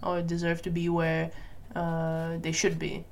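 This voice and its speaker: Speaking alone and casually, this Malaysian woman vlogger works through her opinions, questioning herself and checking in with "right?" and "you know?" Her voice is low, flat and creaky, at a measured pace, with faint background noise.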